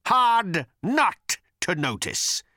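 A man voicing a vengeful, hate-filled male creature who rasps, hisses and bellows. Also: very animated, extremely slow, sharp tone, no echo, clean studio sound, full character voice. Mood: ranting. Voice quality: rasping, hissing, bellowing. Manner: menacing rumble rising to shrieks. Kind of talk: audiobook character voice.

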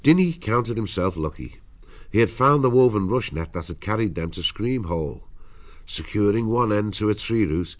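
A man's voice: lowish voice, lively intonation, normal speed, highs cut off. A man narrating an adventure audiobook in a dramatic scripted storytelling style.

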